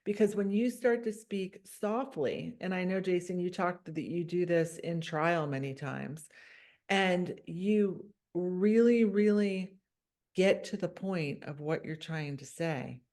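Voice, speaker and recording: A woman's voice: measured pace, few pauses. Upbeat woman presenting a webinar. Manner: upbeat and explanatory, sometimes dropping to a soft low tone. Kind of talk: instructional webinar talk.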